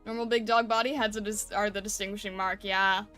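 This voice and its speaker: A woman's voice: medium pitch, level tone, a little fast, a bit bright. A woman livestreamer talking casually and conversationally with her viewers, often seeking agreement with tag questions. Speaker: streamer hosting an art livestream. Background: background music.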